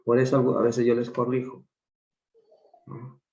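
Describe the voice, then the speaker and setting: A man teaching an online English class, explaining slowly and patiently with repeated examples. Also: medium pitch, completely flat delivery, a little mellow, echoey room, dull audio. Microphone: video call.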